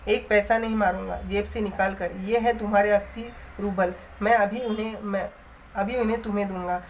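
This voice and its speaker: A woman's voice: medium pitch, slight background noise, lightly acted. A woman reading the part of a stern middle-aged male employer who scolds, then lectures, in a storybook-style reading.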